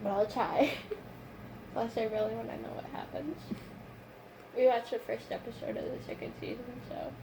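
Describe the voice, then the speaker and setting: A woman's voice: a little high, fairly even intonation, moderate pace, vocal fry, long pauses, noisy background. A young adult woman chatting casually and retelling moments dramatically, acting out what people said. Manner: dramatic retelling with quoted dialogue. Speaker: patient recovering from wisdom tooth extraction. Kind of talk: casual chat.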